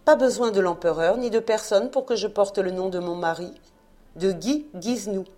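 A proud young peasant woman from an old tale, earnest and pleading, as a woman reading a novel aloud plays her. The voice sits at a middling pitch. Soft music runs underneath. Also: normal speed, natural voice.

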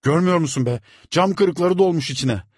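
A man voicing a young porter boy who cries and begs in a raised, high voice. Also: a little fast, slightly rough, no room sound, clean studio sound. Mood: desperate. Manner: pleading, tearful.

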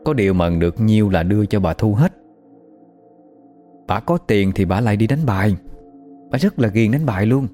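A man narrates a first-hand story. His voice sits fairly low, with a mellow, soft tone. He tells it casually, like talking to a friend. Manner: casual, conversational retelling.

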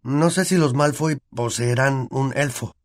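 A man's voice: mid-range voice, a little slow, pitched above the performer's own voice, lightly acted. A man with a Latin American Spanish accent voicing a young boy wizard who speaks earnestly. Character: Harry, a brave boy wizard.

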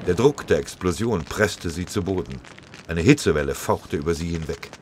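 A man's voice: low-pitched, expressive, moderate pace, background noise. A man reading a war story aloud in a dramatic, vivid storytelling manner. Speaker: narrator. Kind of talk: scripted audiobook narration.

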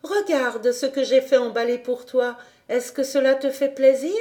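A woman voicing an excited, sweet young girl in a storybook reading. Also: sits high, normal speed, pitched above the performer's own voice, natural voice. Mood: eager.

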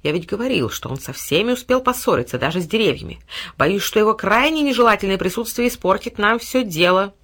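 A woman voicing a sly, flattering male cat who talks in a sugary, scheming way. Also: medium pitch, a little fast. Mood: scornful. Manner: sugary, fawning, scornful aside.

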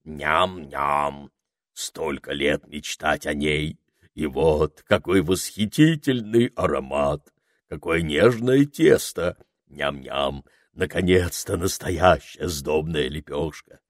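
A man voicing a huge, kindly creature who is hard of hearing and talks slowly in a pompous, fussy way. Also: very deep voice, animated, no echo, clean studio sound, exaggerated voice. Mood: savoring.

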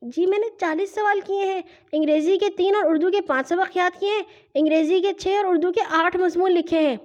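A woman's voice: very high-pitched, a little mellow, highs cut off, voice pushed up. A woman voicing a small obedient schoolgirl dutifully reciting in a children's story. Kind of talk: storybook reading.

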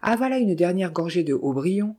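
An audiobook narrator reading a classic adventure novel in a measured, even way. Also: mid-range voice. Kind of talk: scripted literary narration.

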